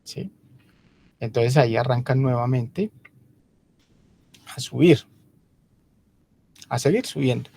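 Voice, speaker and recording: A man giving a slow, measured lecture, pausing often and using fillers as he explains. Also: mid-range voice, creaky, warm tone, slightly rough.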